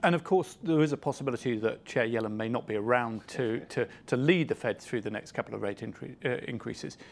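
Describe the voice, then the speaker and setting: A man's voice: mid-range voice, brisk, gravelly. A man hosting a financial interview, putting formal questions with some hesitation in his phrasing. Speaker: interviewer, host.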